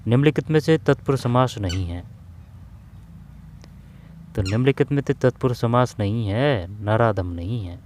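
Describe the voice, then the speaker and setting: A man teaching an exam-prep grammar lesson, repeating terms slowly and often calling his viewers "brother". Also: medium pitch, a little mellow, a little hiss or hum. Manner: repetitive, drawn-out explaining, addresses viewers as bhai.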